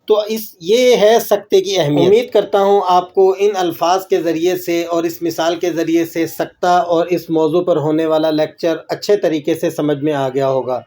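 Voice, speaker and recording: A man from Pakistan teaching a religious lesson on pauses in Quran recitation, explaining patiently and often checking with his listeners. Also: a little high, steady tone, a little mellow. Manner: patient explaining, checks in with "right?", slow drawn-out recitation examples.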